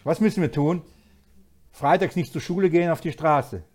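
A man preaching a sermon, moving from quiet asides to loud, emphatic passages and laughing often. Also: on the high side, moderate pace.

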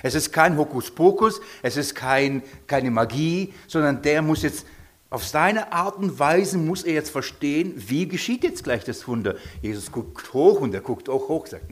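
Preacher with a soft, low voice. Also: male voice. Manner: lively, questioning, often drops to a soft low voice. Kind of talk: sermon.

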